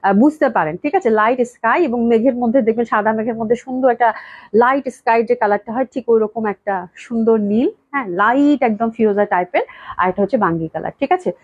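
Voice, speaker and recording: A woman's voice: on the high side, fairly quick, slightly rough, dry recording, highs cut off. A woman, chatting casually as she sells clothes on a live stream, greeting viewers by name and repeating her praise. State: slightly hoarse from a cold. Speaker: online clothing seller hosting a live sale.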